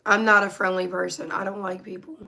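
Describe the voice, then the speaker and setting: A woman with a medium-pitched voice chats casually to her livestream while eating, sometimes with her mouth full. She sounds tired as she answers questions in an informal way. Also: flat delivery, fairly quick, creaky, pushed and bright. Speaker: live streamer.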